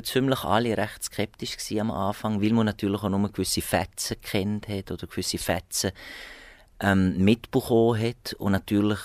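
A man's voice: sits low, no echo. A man with a Swiss German accent, an arranger and saxophonist, answering interview questions in a thoughtful, hesitant way. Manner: thoughtful, hesitant, many fillers and restarts. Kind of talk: radio interview.

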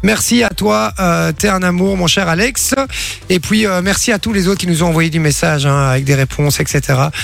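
Gravelly radio host. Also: male voice, sits high, a little fast, a bit bright, soft background music. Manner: joking, running a game. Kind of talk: casual radio chat.

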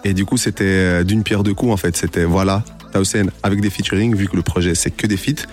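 A young man, a guest on a radio show, talking casually and relaxed, with many fillers and restarts. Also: low voice, a little fast, soft background music. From Italy. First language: Italian. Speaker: guest artist. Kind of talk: casual interview chat. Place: radio studio.

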